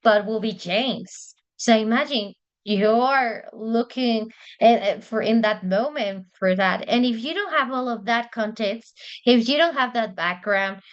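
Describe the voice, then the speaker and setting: Woman, native Spanish speaker, unhurried, hesitant with fillers, dull lo-fi sound. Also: fairly high pitch. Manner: hesitant, many fillers and restarts. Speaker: church interpreter. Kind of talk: casual explanatory talk.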